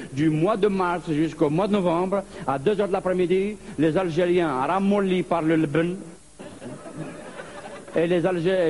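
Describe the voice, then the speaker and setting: A man from Algeria performing a stand-up comedy monologue, telling stories in a lively way. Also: on the high side, a little hiss or hum. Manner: lively storytelling with put-on voices.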